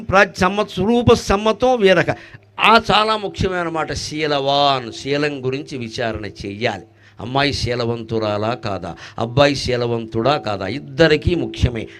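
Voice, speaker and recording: A man with a high voice gives a spiritual discourse. He jokes with the audience, fires off rhetorical questions and chants Sanskrit verses. He swings from loud, animated bursts to soft, low asides. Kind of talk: devotional discourse.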